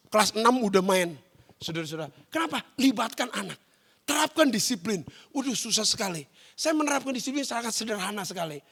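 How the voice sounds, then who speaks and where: High, gravelly, animated male pastor. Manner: animated, acts out family scenes; often addresses the congregation directly. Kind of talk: sermon. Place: church service.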